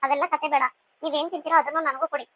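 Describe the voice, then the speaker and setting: A woman's voice: high voice, steady tone, rapid-fire, fairly bright tone, dry recording. A woman voicing a rude, scheming young woman in a cartoon serial, speaking in a haughty, mocking way.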